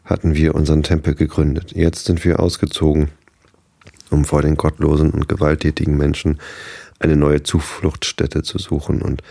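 A man's voice: extremely low pitch, creaky, mellow, no room sound, clean studio sound, full character voice. A man voicing a stern young male pilgrim in a bedtime story reading, solemn.

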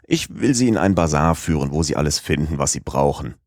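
A man's voice: very deep voice, brisk, dry recording, studio quality. A man as a suspicious, probing police agent. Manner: calm, questioning, coaxing. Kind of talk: audiobook character voice.

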